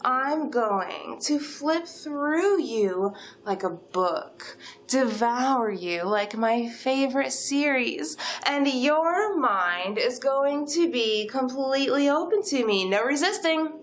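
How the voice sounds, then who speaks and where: A woman's voice: sits high, animated, slow. A woman playing a possessive supernatural yandere kidnapper in a role-play monologue, gushing sweetly with unhinged menace. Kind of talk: dramatic second-person role-play monologue.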